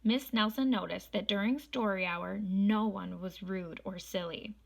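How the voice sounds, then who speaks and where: A woman reading a children's storybook aloud in expressive narration. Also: mid-range voice, measured pace, vocal fry. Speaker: storybook reader.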